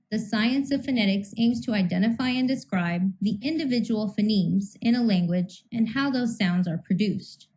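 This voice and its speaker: A woman narrates a scripted lesson in a mellow, warm voice. Her delivery is measured and even, and she slows down to sound out single speech sounds. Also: mid-range voice, low-quality recording. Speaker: instructor.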